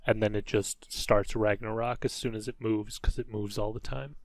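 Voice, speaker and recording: A man's voice: lowish voice, fairly even intonation, moderate pace, no room sound. A man co-hosting a casual podcast, joking and teasing his friends. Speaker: podcast co-host.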